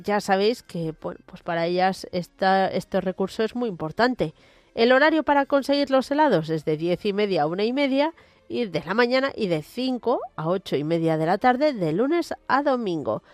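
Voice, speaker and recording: A woman's voice: medium pitch, lively intonation, normal speed, no echo. A woman with an accent from Spain hosting a live radio phone-in, her voice nasal and duck-like, stuffed up with a cold. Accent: Spanish from Spain. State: congested with a cold. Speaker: radio host.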